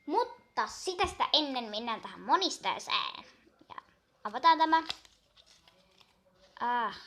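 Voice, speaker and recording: A young girl chatting casually while unboxing a toy, gushing and excitable, counting down aloud. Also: high voice, slight background noise.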